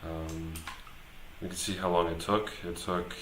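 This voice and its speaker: On a live stream, a man talks casually and off the cuff, hesitating and rambling as he thinks aloud. His voice sits low and is a bit bright, with a flat, unhurried delivery. The room is echoey, with clear background noise.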